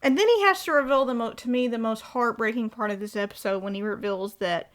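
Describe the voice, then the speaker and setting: A woman's voice: on the high side, brisk. A woman co-hosting a casual fan chat, recapping the story with fillers and growing emotional. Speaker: podcast co-host.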